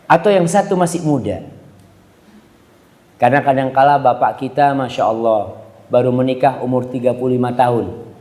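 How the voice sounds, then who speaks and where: A man preaching a sermon, telling stories with lively acted-out voices. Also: medium pitch. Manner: animated storytelling, acting out mother and child. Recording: echoey hall with long reverb.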